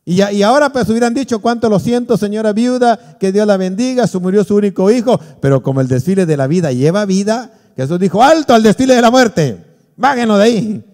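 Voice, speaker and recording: A man, a pastor, preaching a sermon, animated, acting out quotes from the people in his stories. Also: high-pitched, fairly quick. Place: church hall. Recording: long church reverb.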